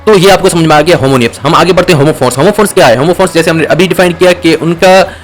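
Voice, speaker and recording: A man explaining a lesson over slides, slowing down to read English definitions and often checking that students follow. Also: fairly high pitch, soft background music. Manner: repeats "theek hai ji" to check understanding. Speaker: teacher.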